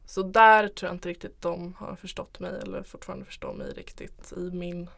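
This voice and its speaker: Young woman with a creaky, lowish voice. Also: fairly even intonation, fairly bright tone. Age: young adult. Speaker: interview guest. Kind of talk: candid personal conversation.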